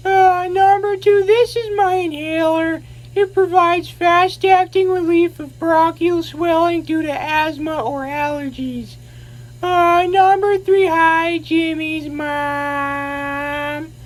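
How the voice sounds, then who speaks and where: Someone doing a comic impression of a timid, whiny cartoon boy, with a nasal voice and halting delivery that stretches out words. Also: very high-pitched, fairly even intonation, low-quality recording. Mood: earnest, dorky. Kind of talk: comic impression challenge, short catchphrases.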